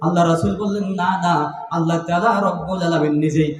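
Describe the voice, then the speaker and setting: A man from Bangladesh, preaching to a crowd in an impassioned, sing-song style that rises into shouted chanting and calls on the listeners to answer aloud. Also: fairly high pitch, steady tone, quick pace, far from the mic. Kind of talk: chanted sermon at an outdoor religious gathering. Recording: reverberant public address with faint music.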